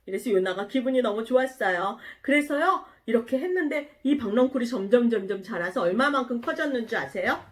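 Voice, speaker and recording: A woman pastor telling a Bible story in a children's sermon, animated and asking the children questions. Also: fairly high pitch.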